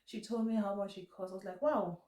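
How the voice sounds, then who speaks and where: A woman with a soft, mellow voice chats casually to her viewers, rambling and correcting herself. Her nose is stuffed up, so she does mouth breathing as she speaks. The recording is echoey, picked up some way from the microphone. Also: mid-range voice, steady tone, brisk. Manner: mouth breathing while talking. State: congested blocked nose, breathing through the mouth. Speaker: vlog host. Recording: echoey room, distant mic.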